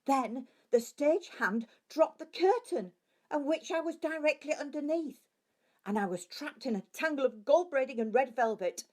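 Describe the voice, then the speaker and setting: Theatrical pantomime actress witness, played by a woman, high-pitched. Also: animated, normal speed, darkish tone. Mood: dramatic.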